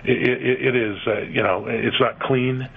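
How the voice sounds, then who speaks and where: A middle-aged man from California, a guest on a radio interview, who talks in a halting way with many repeated words and fillers. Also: medium pitch, steady tone, vocal fry, breathy edge. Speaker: interview guest, museum executive. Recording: dull lo-fi radio broadcast with faint noise.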